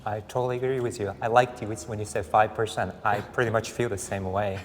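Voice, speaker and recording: A man in his forties from Japan who is a Buddhist minister speaks agreeably and easily on a discussion panel. His voice is somewhat low. The sound has a long reverb from a large room. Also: steady tone, fairly quick, a little hiss or hum. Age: 40s. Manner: agreeable, easygoing.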